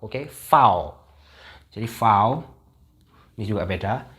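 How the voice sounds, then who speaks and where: A young man giving a casual video lesson, chatty and friendly in tone, repeating each letter slowly to drill it. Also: fairly low pitch, a little mellow. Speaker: language teacher.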